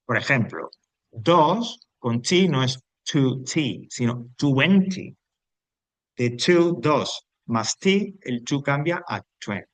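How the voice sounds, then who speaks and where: Teacher, patient step-by-step explaining. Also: male voice, mid-range voice, expressive, slow pace, no room sound. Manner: explains step by step, often checks in with the class. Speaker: English teacher. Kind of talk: explanatory recorded lesson.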